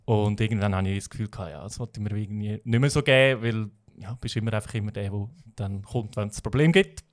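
Low-voiced Swiss German man chatting. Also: quick pace. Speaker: podcast guest. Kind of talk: casual interview chat.

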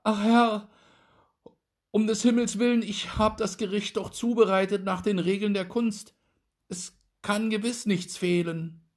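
A man reading a fairy tale, voicing a small, frightened dwarf cook with a high, trembling, pleading voice. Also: steady tone, measured pace.

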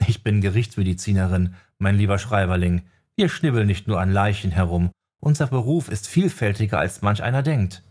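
A man voicing a sharp-tongued young woman necromancer in an audiobook, brisk and teasing. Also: fairly low pitch, close to an everyday voice. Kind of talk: audiobook character voice.

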